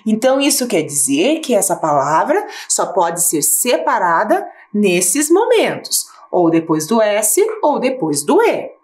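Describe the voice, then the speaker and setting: A woman teacher with a Brazilian Portuguese accent giving a recorded lesson for schoolchildren, asking questions and slowing down to spell out syllables. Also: medium pitch, very animated. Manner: patient, rising question-and-answer tone, slows to spell out syllables.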